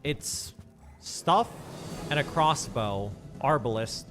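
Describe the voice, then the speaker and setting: A man's voice: medium pitch, expressive, slow pace, a bit bright. A man streaming a game, thinking aloud and muttering asides in casual commentary, with faint music behind.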